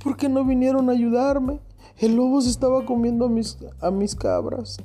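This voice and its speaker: A man doing a high-voiced panicked little boy. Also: level tone, measured pace, gravelly, soft background music. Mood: pleading. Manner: high and shouting in panic, pleading. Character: naughty young boy shepherd, prankster.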